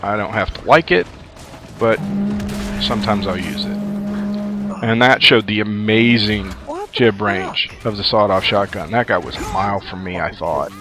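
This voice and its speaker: A man's voice: fairly low pitch, moderate pace. A man giving rambling, casual commentary over his own multiplayer match, full of fillers. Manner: rambling and conversational, many fillers. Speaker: gaming commentator.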